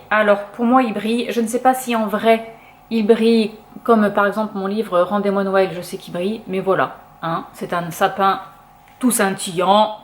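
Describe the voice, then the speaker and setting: A chatty young woman with a fairly high voice talks through her reading list in French. She fills her speech with fillers, trails off and restarts, in a casual, homey way. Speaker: book vlogger. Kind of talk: casual chat.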